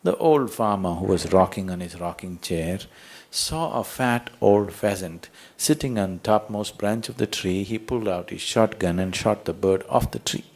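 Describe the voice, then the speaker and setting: A man's voice: sits low, lively intonation, normal speed, creaky, a little mellow. A man giving a spiritual talk to an audience as a teacher, emphatic and full of rhetorical questions, telling parables.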